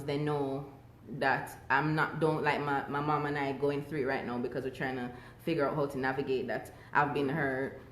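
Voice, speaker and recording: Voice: mid-range voice, slight background noise. A Jamaican singer talking candidly and casually as an interview guest. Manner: relaxed, candid, lively. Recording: echoey room.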